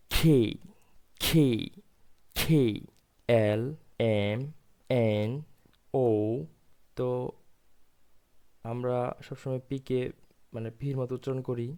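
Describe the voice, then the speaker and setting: A man's voice: medium pitch, dark tone. A man teaching English pronunciation, repeating each sound several times with emphasis. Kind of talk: slow step-by-step pronunciation lesson.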